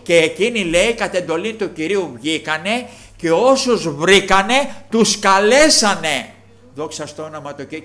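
Fervent male preacher, high voice. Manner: fervent, swinging between loud and soft, repeats praise refrains. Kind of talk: sermon.

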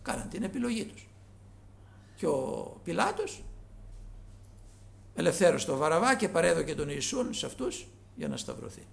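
A man preaching a sermon in a dramatic way, swinging from loud calls to hushed asides. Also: a little high, big pitch swings, creaky, long pauses.

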